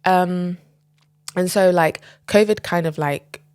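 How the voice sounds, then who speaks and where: Speaking slowly in a lowish, darkish, clean voice with no echo, a young woman in her twenties hosts a podcast. It's a casual confessional monologue, chatty and open, packed with "like"s and "um"s.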